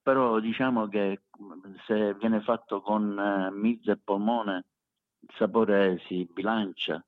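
Deep-voiced Sicilian man in an echoey room. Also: fairly even intonation, slow. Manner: emphatic, repeats words for emphasis. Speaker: street food cook, interview guest. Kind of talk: casual conversational interview. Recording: echoey room, dull lo-fi sound.

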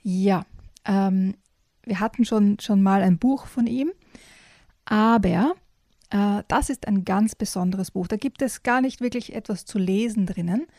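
Woman, children's book reviewer, casual chat, enthusiastic, frequent fillers, mellow tone, dry close sound. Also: mid-range voice, unhurried, no echo.

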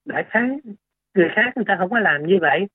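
A man's voice: sits high, lively intonation, racing, husky, no room sound. Male doctor over a phone line. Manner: hesitant, many fillers and restarts. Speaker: doctor guest. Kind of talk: radio health interview. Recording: tinny phone-like radio line.

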